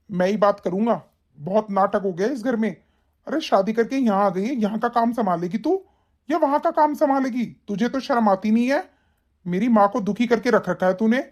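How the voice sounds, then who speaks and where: A young husband from a cartoon family drama who scolds his wife sternly, as a man plays him. His voice is a little higher than most men's. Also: natural voice. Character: young married son, stern toward wife.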